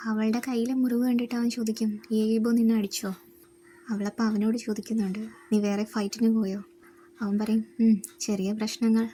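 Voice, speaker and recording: A woman narrates a drama episode at a rapid clip, reading the characters' lines in her own voice rather than acting them out. Her voice is mellow and fairly high, with little rise and fall. A faint noise sits under the recording. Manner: rapid, plain retelling, voicing quoted lines in her own voice. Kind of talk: fast storytelling recap.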